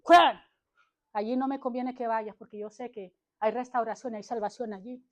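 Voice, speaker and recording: Satan voiced by a woman preacher comes across as a male devil who sweet-talks and then threatens. He sounds grasping and possessive, in a voice that stays high. It is a sermon aside rather than a staged drama. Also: moderate pace, muffled recording, close to an everyday voice. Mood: coaxing.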